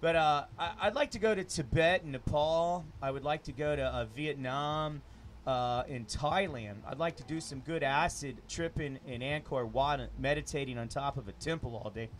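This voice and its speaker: A man's voice: fairly high pitch, normal speed, a little hiss or hum. A man who produces adult films, chatting in an interview in a rambling, crude way and laughing often. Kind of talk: casual interview chat.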